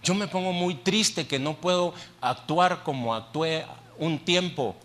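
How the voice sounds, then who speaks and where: A man's voice: on the high side, unhurried, a bit bright. A male pastor preaching a sermon in a church, talking conversationally, putting questions to the congregation and repeating phrases for emphasis. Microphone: handheld microphone.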